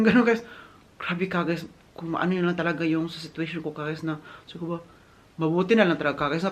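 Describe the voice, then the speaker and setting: A man vlogger telling a story in casual chat, animated and speaking straight to his viewers, slipping English words in. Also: sits high. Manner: animated, addresses viewers as guys, mixes in English.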